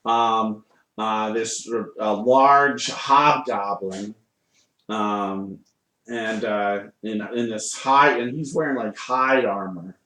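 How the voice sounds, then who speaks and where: A man running a tabletop game as game master, improvising narration haltingly as he searches for words. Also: on the low side, steady tone, sharp tone. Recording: echoey room.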